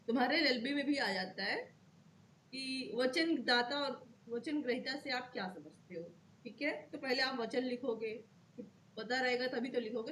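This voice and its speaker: A woman's voice: high voice, a bit bright, a little hiss or hum. A woman teaching law to students, explaining step by step and checking in often with "okay" while repeating key terms.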